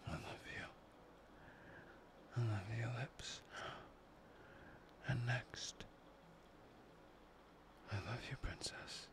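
A man voicing a possessive, obsessive young man in a whispered audio roleplay, murmuring slowly and breathily. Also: mid-range voice, noisy background. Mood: adoring. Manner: murmuring, intimate, slow and breathy.

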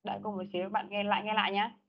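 A woman teaches an English class over a video call, her voice sitting at a middle pitch. She is patient and repeats each prompt and word so the students catch it. The call audio is dull and lo-fi. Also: flat delivery, rapid-fire.

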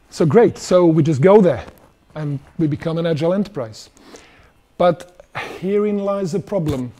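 His voice leans high with a warm tone as this middle-aged man gives a conversational talk on a conference stage in a large auditorium. He directs questions to the audience.

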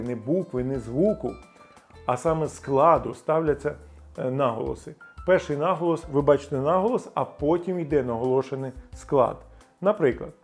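A middle-aged Ukrainian-speaking man teaching English pronunciation, slowly modelling English words with emphatic stress. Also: medium pitch, a little mellow. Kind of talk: explanatory video lesson.

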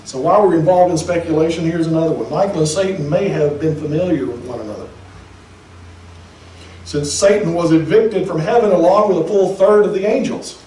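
A man preaching in a mellow, fairly high voice, emphatic one moment and chatty the next. He is heard from a distance in a roomy church hall with audible echo. The delivery is a pastor's sermon. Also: a little fast. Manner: emphatic, conversational preaching with speculative asides.

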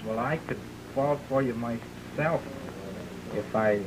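A man's voice: medium pitch, slow, close to an everyday voice. An actor playing an easygoing, sweet-talking young working-class American man in an early talkie. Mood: admiring. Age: young adult. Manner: easygoing, slangy. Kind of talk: early talkie film acting. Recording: hissy old film soundtrack.

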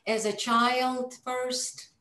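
A woman's voice: high-pitched, little pitch movement, drawn-out words, bright, forceful tone. A woman hosting an interview over a video call from home, introducing her guest in a chatty way. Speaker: host. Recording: roomy video call audio.

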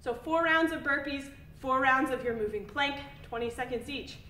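A woman fitness instructor giving clear step-by-step workout cues, a little out of breath. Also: moderate pace, sharp tone. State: slightly out of breath. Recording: echoey room, distant mic, faint rumble.

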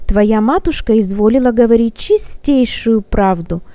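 A gallant, gentle old gnome from a storybook, comforting and courtly in manner, read by a woman. The voice is fairly high and mellow, with a dry, close sound. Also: normal speed, dry recording, close to an everyday voice. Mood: soothing. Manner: gallant, soothing.

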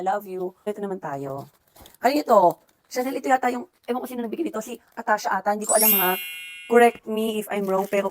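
A chatty middle-aged woman from the Philippines opens her birthday gifts on camera and gushes over each one. Her voice sits at a middling pitch, and she talks casually, slipping into English phrases as she goes. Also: fairly bright tone, a little hiss or hum. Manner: chatty, gushing, mixes English into her talk. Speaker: vlogger opening birthday gifts. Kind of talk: casual unboxing vlog.

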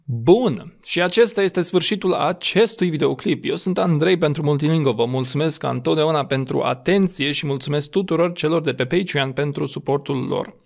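A man's voice: fairly high pitch, gravelly. A man teaching a recorded language lesson, carefully stretching out and repeating each example phrase before explaining it. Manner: slow, deliberate enunciation of example phrases.

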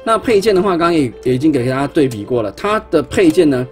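A man's voice: on the high side, lively intonation, fast, a little mellow, faint music behind. A man, chatting casually while he shows step by step how a toy is put together, often stumbling and repeating words as he handles parts at an indoor tabletop. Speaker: toy reviewer. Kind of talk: casual unboxing demonstration.

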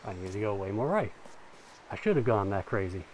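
A man's voice: fairly low pitch, big pitch swings, fairly quick, a little mellow, poor audio. A man giving casual commentary as he plays a golf game, thinking aloud about wind and shots. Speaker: gaming video host.

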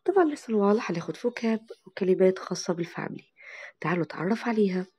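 Mellow-voiced Egyptian woman teacher. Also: mid-range voice, animated. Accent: Egyptian Arabic. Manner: slow, drawn-out model pronunciation of English words. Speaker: English teacher. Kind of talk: online lesson for parents.

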